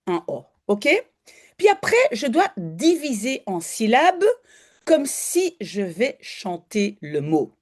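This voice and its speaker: A woman teacher leads an online language lesson at an unhurried pace. She repeats each example word several times and stretches it out so the sound can be heard. Her voice rises and falls freely as she explains. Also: mid-range voice, a little mellow. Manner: patient, repeats and stretches words slowly for pronunciation.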